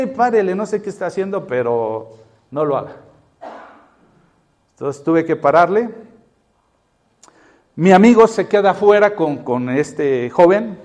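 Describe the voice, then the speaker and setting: A man with a slightly high voice preaches a sermon in a storytelling mode. He tells the story with animation and acts out the lines of the people he quotes. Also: a little mellow.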